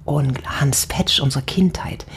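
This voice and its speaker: A middle-aged woman in a casual conversation, telling stories with lively, animated swings of pitch. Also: a little slow, husky. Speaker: wedding speaker and officiant.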